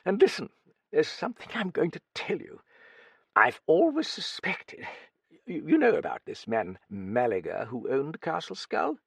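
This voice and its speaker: A man reads an audiobook, voicing a blunt, hearty old woman who swears freely and blusters cheekily in a bluff, gossipy mood. He pitches his exaggerated voice fairly high, above his own natural range, with huge pitch swings, a gravelly, husky texture and an unhurried pace. The recording is dry and clean, studio quality.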